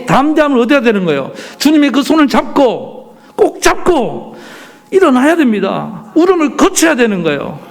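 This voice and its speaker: A male pastor preaching a sermon emphatically, pressing the congregation with rhetorical questions. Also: extremely high pitch.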